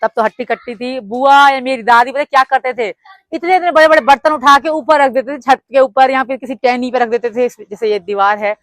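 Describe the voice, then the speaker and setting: A woman's voice: sits high, steady tone, fairly quick, a bit bright, dry recording. A woman chatting casually in a family vlog, reminiscing about childhood. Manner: reminiscing, conversational.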